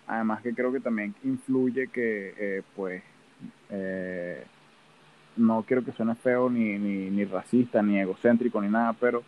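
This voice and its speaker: A man's voice: fairly low pitch, fairly even intonation, measured pace, phone-quality sound. A man with a Venezuelan accent co-hosting a podcast, talking in a playful, rambling, chatty way. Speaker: podcast co-host. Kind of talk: casual chat.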